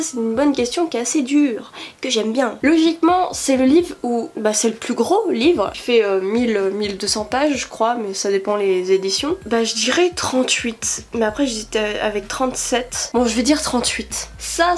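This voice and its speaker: A French woman thinking aloud through a quiz, chatty and often hesitating over her guesses. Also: fairly high pitch. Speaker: YouTuber doing a quiz. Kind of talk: casual quiz commentary.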